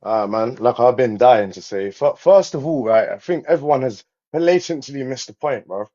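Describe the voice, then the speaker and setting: A man's voice: mid-range voice, lively intonation, normal speed, dark tone. Blunt man on a dull line. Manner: emphatic, blunt, slangy. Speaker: caller. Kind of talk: heated live-stream debate.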